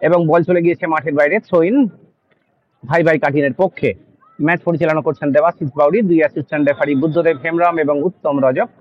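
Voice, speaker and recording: A man with a Bengali accent giving live football commentary in an excitable, frantic way as play builds. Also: on the high side, lo-fi sound.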